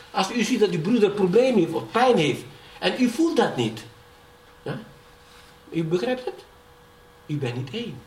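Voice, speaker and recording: A middle-aged pastor whose voice sits high preaches in a church hall, regularly checking in with "ja?" and building fervour through his testimony. The sound is echoey and distant, with faint background noise.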